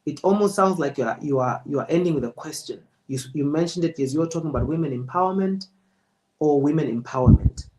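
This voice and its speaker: A man giving a presenter spoken feedback as a public speaking coach, in a measured, emphatic, deliberate way. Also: a little high, a little mellow, rough recording.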